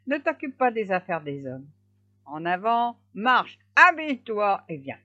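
A woman voicing a boastful, bossy male hedgehog in a storybook tale, talking in a brisk, commanding way. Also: medium pitch, big pitch swings. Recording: slightly dull lo-fi recording.

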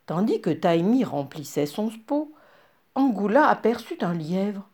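Lively woman reading a children's story. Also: medium pitch, a little slow. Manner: lively, asks listeners questions.

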